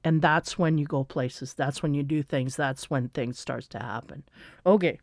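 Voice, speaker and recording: A woman's voice: deep voice, moderate pace, gravelly, a little mellow, dry recording. A woman in her forties, an energy reader, talking casually and rambling through a confessional story. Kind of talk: casual spiritual monologue.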